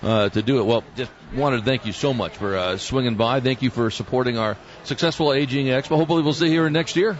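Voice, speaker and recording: A man's voice: mid-range voice, fast talker, hardly any pauses, a little hiss or hum. A man hosting a live radio show, interviewing a guest in an upbeat manner. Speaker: radio host. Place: outdoor expo booth. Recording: dull lo-fi live broadcast.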